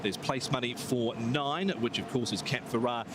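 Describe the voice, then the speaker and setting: A man's voice: mid-range voice, moderate pace. A man hosting a live horse racing broadcast, presenting and putting questions to his colleagues. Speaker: broadcast host. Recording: noisy outdoor live broadcast.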